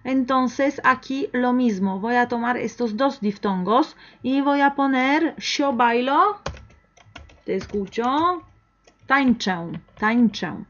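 A woman teaching an online language lesson, who talks slowly and patiently and waits for the learner to answer. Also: on the high side, animated. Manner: slow, patient, encouraging, with pauses for the learner to answer. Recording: dull, lo-fi recording.

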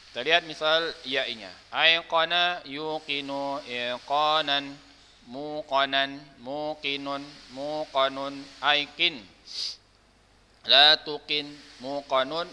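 A man's voice: mid-range voice, bright, forceful tone, in a large hall. Man teaching Arabic grammar drills. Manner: recites Arabic verb patterns and calls on students by name; patient, asks students to speak up. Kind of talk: online class drilling word forms.

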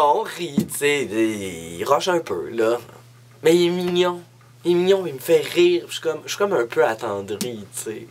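Man, Québécois accent, comic storyteller, unhurried, swooping high voices for imitations. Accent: Québécois French. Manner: animated, swooping voice when imitating people. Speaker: comedic storyteller. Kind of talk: comic monologue.

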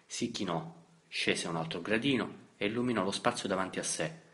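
A man reading a novel aloud as an audiobook narrator, in a measured, steady way. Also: low-pitched. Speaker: audiobook reader. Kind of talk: scripted literary narration.

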